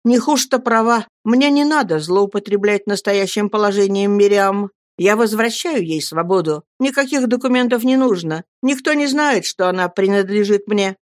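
A woman's voice: mid-range voice, lively intonation, moderate pace, few pauses, dry recording, close to an everyday voice. An ardent young Roman soldier in a storybook, speaking with proud, emphatic passion, as a woman reads him. The voice stays in a medium range, and the sound is close and dry. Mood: resolute. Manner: emphatic, impassioned delivery.

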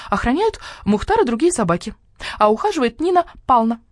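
A woman voicing a proud, naive hen who talks in a shrill, clucking way. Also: sing-song, a little fast, no echo, clean studio sound.

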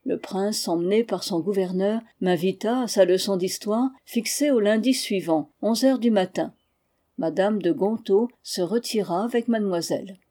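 A woman reading a literary memoir aloud in a measured, expressive audiobook narration. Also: medium pitch. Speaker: audiobook reader.

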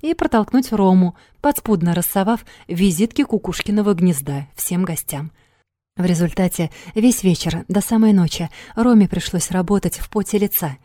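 Warm low-voiced female audiobook narrator. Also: expressive, normal speed, no room sound, clean studio sound.

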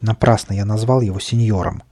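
Man playing a proud storybook cat, stern, gallant, husky tone. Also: fairly low pitch, steady tone, brisk, warm tone, close to an everyday voice. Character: noble proud male cat swordsman. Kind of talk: storybook character voice.

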